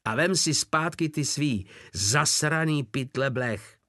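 A man's voice: fairly high pitch, bright, forceful tone, no room sound, clean studio sound, voice pushed up. A man voicing a brutish male gang boss who rages and spits out threats through gritted teeth. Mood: furious.

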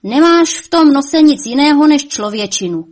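A woman doing a shrill scolding old devil's mother. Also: lightly acted.

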